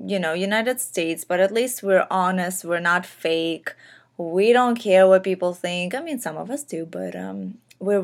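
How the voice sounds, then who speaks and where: Earnest young woman from Ukraine. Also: mid-range voice. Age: young adult. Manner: earnest, frequent fillers like "like" and "um". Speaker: podcast host. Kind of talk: casual personal podcast talk.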